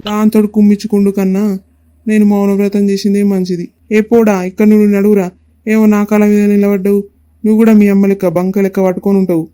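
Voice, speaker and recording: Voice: mid-range voice, level tone, quick pace, dark tone, no echo, studio quality, natural voice. A performer voicing a grumpy father in a cartoon, grumbling and scolding in a Telangana accent. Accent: Telangana Telugu. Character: grumpy father keeping mock silence. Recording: noisy recording.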